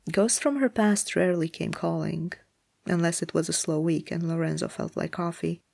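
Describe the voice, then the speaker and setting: A narrator reading a story aloud in a measured, even way. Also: mid-range voice, gravelly, husky, no echo.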